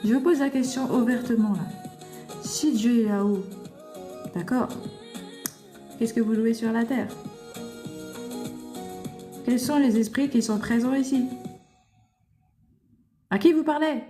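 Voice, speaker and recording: A woman's voice: on the high side, unhurried, long pauses, mellow, roomy sound, faint music behind. A woman preaching fervently on a live stream, scolding her listeners and firing rhetorical questions at them. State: tearful. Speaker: livestream host. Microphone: phone.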